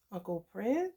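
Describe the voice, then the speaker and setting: A woman ranting to her viewers in a blunt, profane, animated storytelling way. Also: mid-range voice. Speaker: vlogger. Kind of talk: profane rant to camera.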